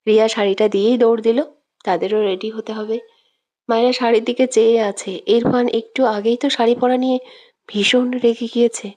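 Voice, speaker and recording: A woman's voice: on the high side, normal speed, lo-fi sound. Woman narrating a dramatic romance. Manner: steady, dramatic storytelling. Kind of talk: audio story narration.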